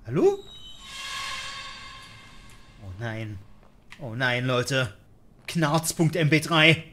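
A man's voice: mid-range voice, very slow, bright, forceful tone, a little hiss or hum. A man giving casual, sarcastic and crude commentary while playing a video game, joking and talking back at the game. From Germany. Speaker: gaming YouTuber. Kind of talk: casual let's-play commentary.

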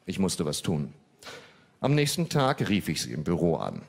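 Man in his forties, deadpan stand-up storyteller, lowish voice. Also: normal speed, gravelly, slightly rough. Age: 40s. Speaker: comedian. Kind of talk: stand-up comedy.

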